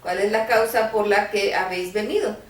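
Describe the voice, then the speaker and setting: A woman's voice: mid-range voice, moderate pace, recorded from a distance, close to an everyday voice. A woman reading the words of a humble, devout apostle in an earnest, plain way. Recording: roomy, voice a bit off-mic.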